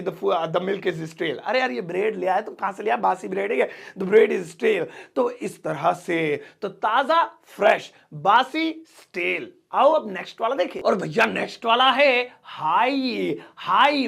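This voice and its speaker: A man teaching English words in a chatty, joking way, slowing right down for example sentences, with an Indian English accent. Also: high-pitched, gravelly, a bit bright. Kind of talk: casual spoken lesson.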